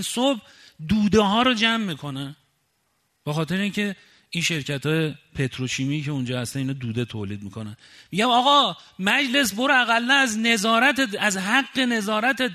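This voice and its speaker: A man from Khuzestan delivers an impassioned sermon in a high, bright, forceful voice. He hammers his points with indignant rhetorical questions. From Khuzestan, Iran.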